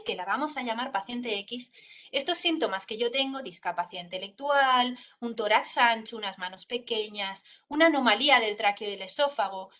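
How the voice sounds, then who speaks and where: A woman's fairly high, fairly bright voice carries a step-by-step explanation for students. She is a pediatric neurologist, and she pauses often during this school talk to check in with her audience.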